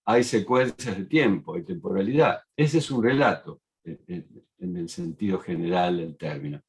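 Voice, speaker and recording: Middle-aged man, low-pitched, reflective panel talk, measured delivery with frequent fillers. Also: animated. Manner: measured, explanatory, with many fillers.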